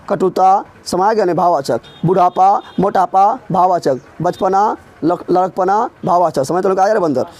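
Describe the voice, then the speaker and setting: Guy teaching grammar, high voice, keeps firing questions back at the class and ribbing them. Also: a little mellow. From Bihar. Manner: drilling, asks students rhetorical questions and teases them. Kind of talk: exam-prep grammar lesson.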